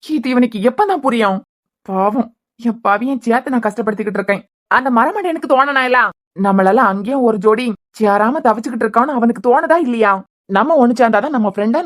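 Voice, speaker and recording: A woman's voice: on the high side, lightly acted. A woman voicing a love-struck young husband who grumbles and teases, with a Kanyakumari Tamil accent. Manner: cheeky, grumbling, quick. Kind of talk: cartoon web series voice acting.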